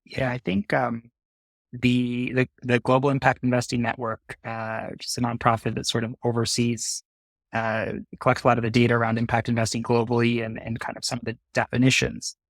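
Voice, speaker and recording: A man guest in an interview explains things methodically, step by step, with frequent "uh" fillers. His voice sits at a mid pitch, recorded dry and close. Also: monotone, a little fast, gravelly, dry recording. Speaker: fund manager guest. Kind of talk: interview conversation.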